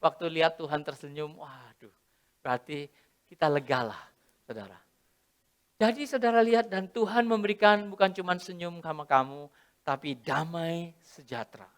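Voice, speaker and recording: A middle-aged man from Indonesia preaching a sermon as pastor, animated, swinging between loud exclamations and soft murmurs while addressing the congregation. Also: sits high, moderate pace. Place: church sanctuary.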